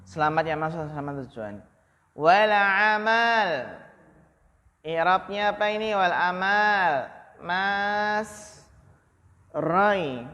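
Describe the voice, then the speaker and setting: Slow, high-voiced Indonesian male teacher. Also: animated, pushed and bright, in a large hall. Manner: slow, drawn-out recitation of Arabic phrases, then quick Indonesian questions. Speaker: Arabic grammar teacher. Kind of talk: classroom lesson, calling on students.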